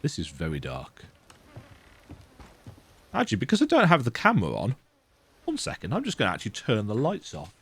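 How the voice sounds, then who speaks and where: His low voice swings hugely in pitch, a little fast with frequent pauses, a bit bright and slightly rough. The man, a gaming video host with a mild cold, plays a horror game at home in a dark room with the lights off, keeping up casual, self-deprecating chatter.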